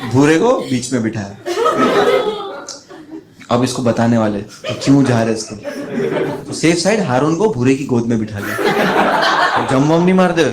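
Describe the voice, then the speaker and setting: A man doing standup, telling a long comic story and putting on high voices for the people in it. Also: moderate pace, pauses often, very noisy. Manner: animated, jumps into high voices for friends in the story. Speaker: standup comedian.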